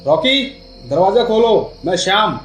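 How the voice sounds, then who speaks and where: A man voicing a hurried, irritable young office worker who talks in quick, agitated bursts. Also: fairly high pitch, expressive, soft background music, pitched above the performer's own voice, natural voice. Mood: brisk.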